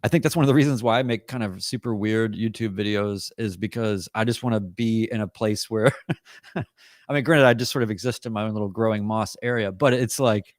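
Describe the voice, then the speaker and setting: A man's voice: lowish voice, fairly quick, no echo, studio quality. A man co-hosting a podcast, chatting casually and rambling with plenty of hesitation. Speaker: podcast co-host. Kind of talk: casual chat.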